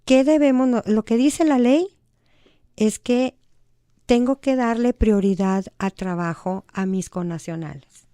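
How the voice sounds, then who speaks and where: Unhurried and a little high-pitched yet dark in tone, a Mexican-accented human rights advocate appears as a radio talk show guest. She talks earnestly and conversationally, voicing quoted lines herself, in clean studio sound with no echo.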